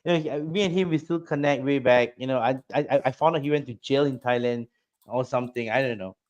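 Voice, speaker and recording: A middle-aged man from Singapore chats on a podcast, rambling and excitable, with words that trip over each other. His pitch sits in a plain middle range. He talks casually, as if among friends. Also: fast talker. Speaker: crypto project guest.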